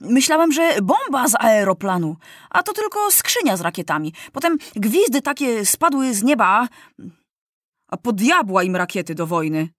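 A bold street boy, done by a woman reader, talks fast and high with lively swings. The reading sounds dry and close to the mic. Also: dry recording. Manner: brisk, lively storytelling.

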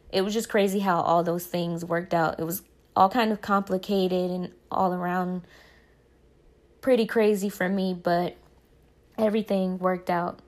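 A young woman telling a personal story in a casual vlog, rambling and correcting herself as she goes. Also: lowish voice. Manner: rambling, self-correcting, faith-focused. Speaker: vlogger.

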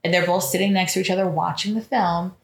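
A woman's voice: fairly low pitch, fairly even intonation, fast, creaky. A woman co-hosting a podcast, chatting casually as she recaps a film and acts out the characters' lines. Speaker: podcast co-host. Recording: roomy echo.

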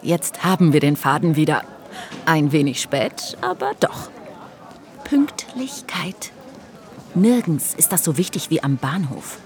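Here the same scatterbrained narrator of a hiking-trail audio play is given a low-pitched, darkish, exaggerated voice, very animated and a little slow. Musing and hesitant, the chatty woman drifts into playful asides, straying from her script in a conversational way.

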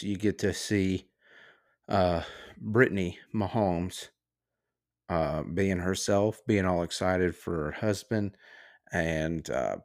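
A man's voice: sits low, a little mellow. A podcast host, a man, ranting on his own in a heated, sarcastic and profane way. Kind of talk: casual solo rant.

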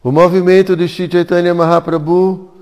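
Gravelly-voiced Brazilian man reading scripture. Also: high-pitched, flat delivery, moderate pace, darkish tone, long reverb tail. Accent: Brazilian Portuguese. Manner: reads steadily, chants Sanskrit verses in a singsong. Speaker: scripture reader at a devotional class. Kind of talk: reading scripture commentary aloud. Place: community hall at an ecovillage.

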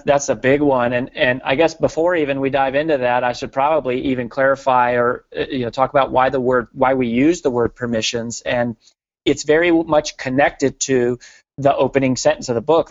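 A man guest on a podcast, explaining his ideas with an energetic, earnest storytelling manner and frequent restarts. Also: medium pitch, brisk, dry recording. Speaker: podcast guest, business author and consultancy co-founder. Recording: dry, slightly dull podcast audio.

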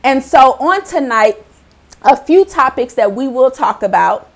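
Animated chatty woman hosting a talk show. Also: sits high, unhurried. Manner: chatty and animated, laughs often. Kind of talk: casual faith-based chat.

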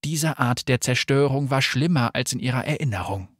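An audiobook narrator reading in a steady, measured storytelling manner. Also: mid-range voice, no room sound, studio quality. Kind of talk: scripted narration.

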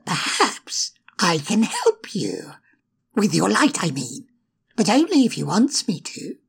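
A woman voicing a sly, spiteful male imp in a storybook, mocking and insulting in a raspy, put-on voice. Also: wildly swooping pitch, slow pace, heavily acted. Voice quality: gravelly, raspy. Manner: mocking, sneering, darts between whispers and shrill taunts. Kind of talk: storybook reading.

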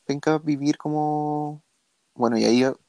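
A young man with a Chilean accent, co-hosting a casual podcast, animated and slangy as he tells stories. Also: on the high side, a little slow, no room sound. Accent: Chilean Spanish. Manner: animated, acts out quotes, slangy. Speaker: podcast co-host. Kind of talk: casual storytelling chat.

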